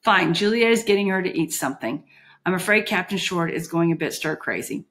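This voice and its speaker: A woman's voice: fairly low pitch, animated, brisk, fairly bright tone. A woman voicing a composed, precise boy genius. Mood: calm.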